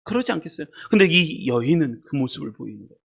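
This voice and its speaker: A man's voice: a little high, very animated, fast, creaky, a bit bright, slightly rough. A man preaching a Sunday sermon as pastor, asking the congregation questions and leading a call-and-response. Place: church sanctuary.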